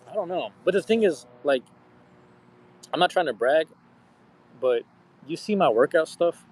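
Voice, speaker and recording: On a live stream, a man in his thirties shoots the breeze with viewers, rambling, slangy and profane. He has a mid-range voice, and the audio is poor.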